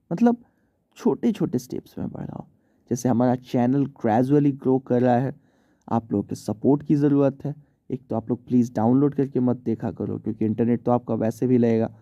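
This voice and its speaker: A man's voice: medium pitch, warm tone, no room sound, dull audio. A man teaching English vocabulary in Hindi in a casual, chatty way, often checking in with "theek hai".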